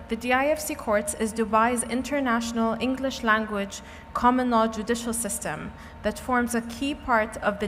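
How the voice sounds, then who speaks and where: A woman delivering a formal, scripted podium speech as a keynote speaker in a measured way. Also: a little high, fairly bright tone. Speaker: court official, guest keynote speaker. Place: conference hall stage at an expo. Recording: echoey hall with clear background noise.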